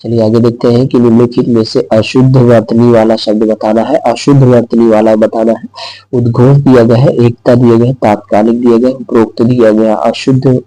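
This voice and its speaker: A man's voice: medium pitch, flat delivery, fairly quick, mellow, no echo, poor audio. A man teaching an exam-prep lesson who repeats each word and answer aloud and explains step by step.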